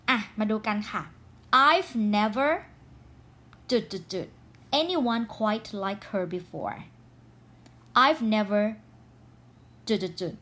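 A woman teaching English phrasal verbs in Thai with a Thai accent, reading English examples slowly and carefully. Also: medium pitch, fairly bright tone. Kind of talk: online grammar lesson.

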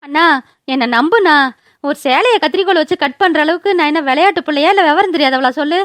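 Cartoon schemer, a shrill, quarrelsome younger sister voiced by a woman, very high-pitched and quick. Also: no room sound, natural voice. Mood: defensive. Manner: shrill and argumentative. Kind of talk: cartoon voice acting.

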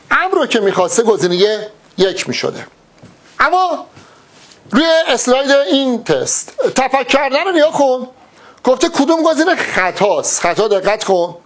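A man teaching an exam-prep Arabic grammar lesson, talking through each test answer step by step and speaking directly to the student. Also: sits high. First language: Persian.

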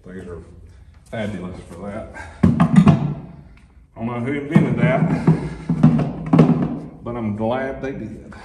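A man's voice: mid-range voice, takes it slowly, long pauses. A middle-aged man giving a casual walkthrough of his tool box in a large, bare shop building, explaining things plainly with a few fillers. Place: large empty shop building under construction, indoors. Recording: echoey empty shop with loud music behind.

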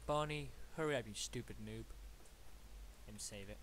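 A young Bulgarian man with a Bulgarian accent casually commentates his game from his home computer, rambling and playfully swearing at enemies in this let's-play. His mid-range, slightly bright voice moves at a moderate pace, with a little hiss or hum from an awkwardly placed desktop mic.

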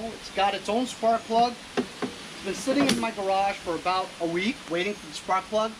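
A man in his 50s with a high-sitting voice runs a small engine repair vlog, chatting casually and rambling with fillers while fixing machines in a driveway and backyard. An action camera records him, and there's heavy background noise.

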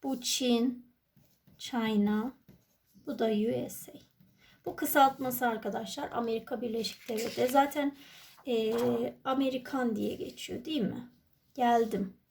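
A woman's voice: on the high side, fairly even intonation, measured pace, darkish tone, slight background noise. A woman teacher with a Turkish accent, walking through an exam step by step and answering her own questions. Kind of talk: exam walkthrough lesson.

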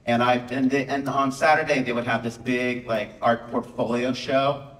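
Male author on a panel, mid-pitched and lively, recorded in a roomy auditorium. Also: moderate pace. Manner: animated, acts out quotes with a raised voice. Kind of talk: casual storytelling to an audience. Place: school auditorium. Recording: roomy hall, mic from a distance.

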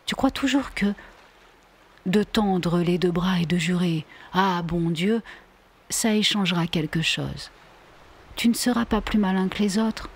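A woman doing a teasing, breathy teenage girl. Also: lowish voice, a little slow, pitched above the performer's own voice. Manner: mocking, worldly-wise. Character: proud teasing teenage girl on a summer beach.

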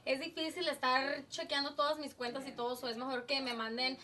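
A woman's voice: sits high, flat delivery, fairly quick, sharp tone, far from the mic, slight background noise. A woman hosting a casual live show, chatting in a mix of Spanish and English and laughing at her own jokes. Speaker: show host. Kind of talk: casual live show chat and joke telling.

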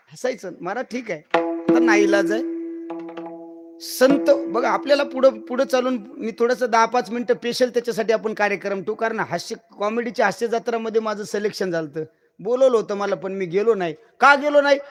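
A man's voice: very high voice, a bit bright. A man preaching a devotional kirtan sermon to a live gathering, declamatory and teasing the crowd with rhetorical questions.

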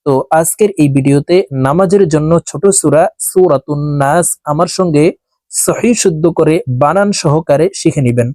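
Mellow-voiced man teaching slow recitation. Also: fairly high pitch, no echo. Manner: spells words letter by letter, then chants long drawn-out recitation; earnest, repetitive instructing tone. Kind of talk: step-by-step recitation lesson.

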